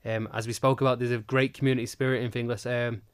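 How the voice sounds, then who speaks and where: Guest spot: man from Manchester, quick and crisp, chatty and rambling as he tells how he started. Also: medium pitch, flat delivery. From Manchester, England. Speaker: cheerleading club founder and coach. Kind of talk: casual interview answers.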